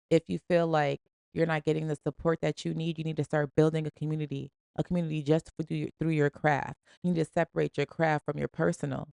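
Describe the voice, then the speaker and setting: A woman's voice: sits low, creaky, darkish tone, clean tone, dry recording, clean studio sound. A woman hosting a podcast, giving an emphatic, slangy, preachy motivational talk in a casual style. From Springfield. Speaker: podcast host.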